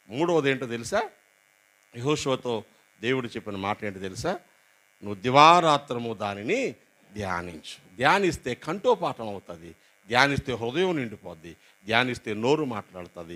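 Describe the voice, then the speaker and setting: A man preaching as a pastor. He keeps asking his congregation questions and answering them himself, and he swings between loud emphatic lines and quiet low asides. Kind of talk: sermon.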